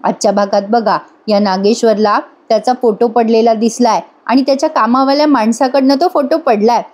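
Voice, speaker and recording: A chatty woman recaps a TV serial episode in a voice-over, addressing her viewers directly as she goes. Her voice sits a little high. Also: fairly even intonation, fairly quick, darkish tone. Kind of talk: casual episode recap narration.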